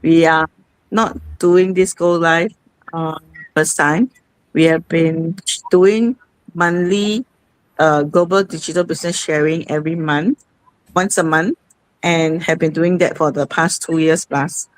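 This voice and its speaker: A woman's voice: low-pitched, steady tone, measured pace, dry recording, rough recording. A woman, hosting an online sharing session in a rambling, conversational way. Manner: conversational, rambling with many fillers. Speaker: host.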